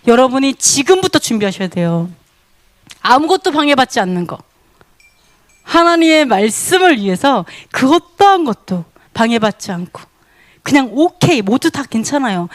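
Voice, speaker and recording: A woman teaching a Bible sermon in an animated way, asking her listeners many questions, laughing often and acting out quoted voices. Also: high voice, no echo.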